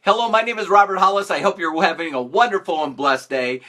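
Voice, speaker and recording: A man's voice: high voice, fast talker, sharp tone. Upbeat man hosting a live stream. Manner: upbeat, greets viewers by name, playful mock-sarcastic emphasis. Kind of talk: casual live-stream talk to viewers.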